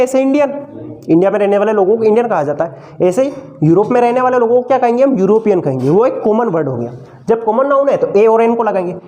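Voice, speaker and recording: In an extremely high, a little mellow voice, a male teacher works through exam-prep grammar. He fires questions at his students, responds to them on his own, and uses "son" as a fond address.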